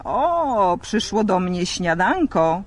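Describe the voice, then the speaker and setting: A man's voice: high-pitched, drawn-out words, fairly bright tone, a little hiss or hum, heavily acted. A man doing a roaring greedy dragon. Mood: gleeful. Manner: roaring, bellowing. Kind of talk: storybook reading.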